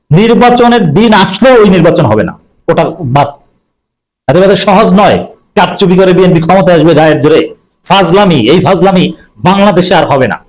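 Fast-talking emphatic male political commentator. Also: a little high, darkish tone, rough recording. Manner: emphatic, repeats slogans, mocking asides.

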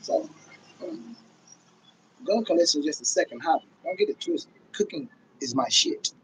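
The livestream host, a middle-aged American man, talks at normal speed in a somewhat high voice with wildly swooping pitch. Audio is poor with slight background noise, since he records on a phone or webcam at arm's length in a room at home while ranting bluntly, profanely and repetitively to viewers.

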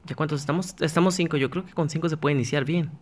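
A gaming YouTuber with a fairly high-pitched voice and a quick pace gives casual commentary as he plays. He chats to himself and his viewers and often restarts his sentences.

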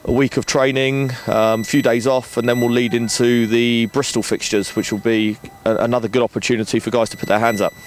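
A man in his thirties, a rugby director, speaking in a frank, measured way with many ums and restarts, outdoors at a floodlit ground at night into a handheld mic. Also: medium pitch, little pitch movement, a little hiss or hum. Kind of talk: post-match interview. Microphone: handheld interview mic.

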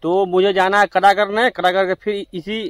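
A man's voice: high voice, little pitch movement, moderate pace, no room sound. A young man who drives trucks, chatting casually to his viewers from farm fields beside his truck and filming on a phone. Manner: chatty, addresses viewers directly. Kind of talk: casual vlog narration.

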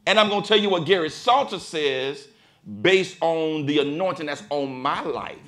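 A man's voice: on the high side, moderate pace, bright, forceful tone. A man hosting a panel discussion as a pastor, speaking in a preacherly way that climbs to emphatic peaks on a studio stage before an audience. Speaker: pastor and podcast host.

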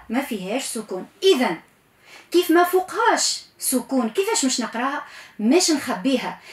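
A woman with a Tunisian accent teaching Quran recitation in a radio lesson, coaching patiently and stretching sounds out slowly to demonstrate them. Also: high-pitched, roomy sound. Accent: Tunisian Arabic.

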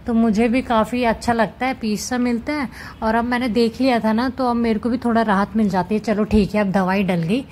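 A woman vlogging casually at home with her cats, chatting gently to viewers as she handles them. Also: on the high side, a little hiss or hum. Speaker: cat vlogger. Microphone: camera set up nearby.

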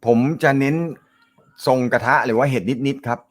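A man hosting a casual live stream, reading viewer comments, with a naturally loud voice and a joking, chatty manner. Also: medium pitch, steady tone, moderate pace. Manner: joking, laughs often, chatty. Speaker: host of a snooker live show.

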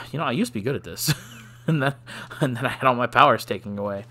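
A man's voice: medium pitch, lively intonation, fast, pushed and bright. A man giving casual let's play commentary, joking and self-deprecating, often sighing. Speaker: gaming channel host.

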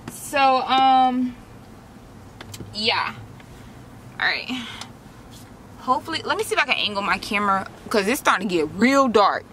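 A woman's voice: on the high side, bright, forceful tone, slight background noise. A young woman, chatting to her viewers in a slangy, direct way while doing a face mask inside a parked car, recorded on a camera close in front of her. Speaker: vlogger.

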